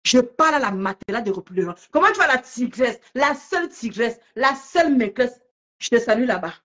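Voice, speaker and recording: A woman ranting casually on a live stream about an online feud, mocking and laughing loudly, talking fast in bursts. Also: on the high side, very animated.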